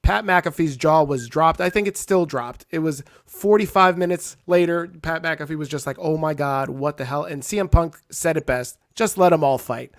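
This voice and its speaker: Male show host, a bit high, excitable, dry sound. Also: normal speed, hardly any pauses, no echo. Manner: excitable, reads viewer comments. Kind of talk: casual wrestling chat.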